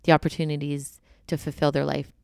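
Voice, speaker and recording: Low-pitched woman with a gravelly edge. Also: brisk, no echo, clean studio sound. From Canada. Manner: animated storytelling, laughs often. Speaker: guest, Olympic curler. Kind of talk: casual interview conversation.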